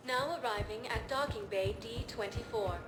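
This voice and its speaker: A woman voicing a calm female elevator computer, giving formal announcements in an even, measured way. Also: on the high side. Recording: echoey game audio over music.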